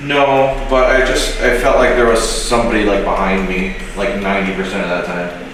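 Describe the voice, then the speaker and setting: A man on a paranormal investigation, describing what he heard and felt in a halting, unsure way that trails off, inside an old building at night. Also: on the low side, steady tone, background noise. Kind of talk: relaying and recapping a spirit session. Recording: echoey room, mic at a distance.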